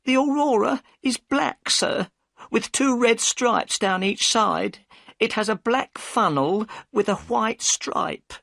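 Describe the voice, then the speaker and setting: A man voicing a worried, tearful boatman's wife in a high, pleading voice. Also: slow pace, creaky, a bit bright, no room sound, clean studio sound, exaggerated voice. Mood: anxious.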